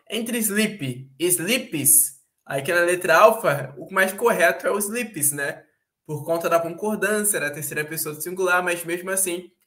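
A man's voice: a little high, bright, forceful tone. A man with a Brazilian accent teaching English in a casual, slangy live online class, often checking in with his students.

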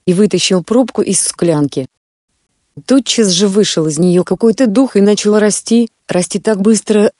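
A woman narrating a fairy tale in a steady, measured reading style. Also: mid-range voice, no room sound, studio quality.

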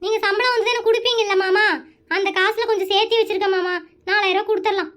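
A woman voicing a dramatic young village wife in a cartoon, quick-tongued and argumentative. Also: steady tone, a bit bright. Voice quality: very high squeaky cartoon voice. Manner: wailing, fast, argumentative.

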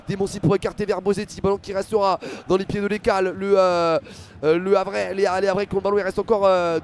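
A young man with a French accent calls a football match live for his stream, talking fast in a high voice. He is excitable and fills his talk with hesitations as he chats with his viewers. A faint hum sits behind his voice. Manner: excitable, many fillers, talks to chat viewers.

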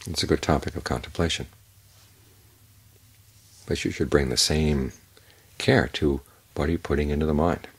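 Very deep husky older monk. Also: male voice, no room sound. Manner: calm, measured, unhurried with pauses. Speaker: Buddhist monk teacher. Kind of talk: evening Dhamma talk.

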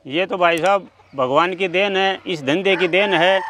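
Speaking unhurriedly in a high-pitched, pushed and bright voice, a middle-aged man who farms poultry walks through his work earnestly, step by step. The outdoor interview takes place on his farm among the chickens, which cluck and crow behind him. It's recorded on a handheld mic at mid distance, with slight background noise.

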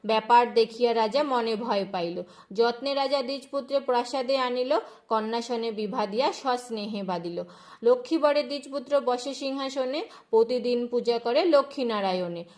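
Woman, slightly high voice, calm home-ritual instructor reciting verse. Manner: soft chanting of devotional refrains, rhythmic verse reading.

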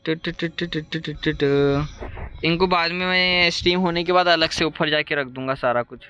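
A man talks through his game live in a high, ringing voice. He chats with his viewers and rattles off repeated words in quick strings. A faint hum of room ambience sits behind him. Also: steady tone, pushed and bright, dull audio. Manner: chatty, repeats words in rapid strings, reacts to chat. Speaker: streamer. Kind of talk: live gameplay commentary. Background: faint ambient noise.

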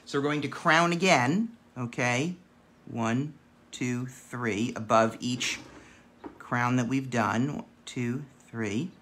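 Man with a gravelly voice teaching crafts. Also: mid-range voice, takes it slowly, a bit bright, a little hiss or hum. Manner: chatty, counts dots aloud while working. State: gravelly voice today. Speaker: craft instructor. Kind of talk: painting tutorial demonstration.

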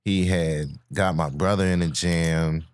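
A young guest rapper with a Midwestern American accent tells his story on a casual studio podcast, laid-back, with laughs and restarts. He sits in a small studio with a dark backdrop, using a studio mic and headphones. His voice is low-pitched, steady, and clean at a measured pace, in a dry recording.

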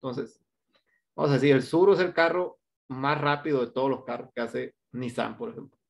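Gravelly Mexican teacher lecturing slowly. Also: male voice, medium pitch, fairly even intonation. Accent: Mexican Spanish. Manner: explains step by step, keeps asking "¿no?". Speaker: English teacher. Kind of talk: online class lecture.

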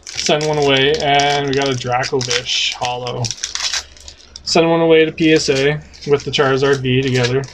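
A Canadian man in his thirties co-hosts a card-opening channel, chatting casually at home with cards on the table, joking and reading out card names. His mid-range voice keeps a fairly even intonation at a moderate pace, and the home camera recording is noisy.

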